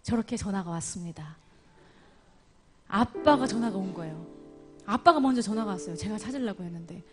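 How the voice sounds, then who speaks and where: A woman telling her life story as a church testimony, moving from loud exclamations to near whispers. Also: medium pitch, expressive, a little fast. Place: church service. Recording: music playing clearly behind her voice. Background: instrumental music.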